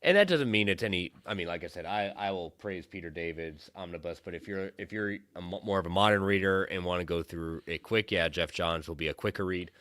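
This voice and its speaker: Man, co-host, head cold, nasal, deep voice, dry close sound. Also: a little fast, hardly any pauses, fairly bright tone, dry recording. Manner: enthusiastic, repeats words when starting. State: has a cold. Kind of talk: casual livestream chat.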